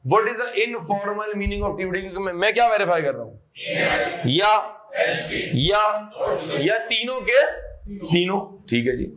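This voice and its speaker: A man teaching a classroom lecture, animated, quizzing students with repeated questions and chanted phrases. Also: high voice, unhurried, pauses often, a crowd in the background, low-quality recording. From Pakistan.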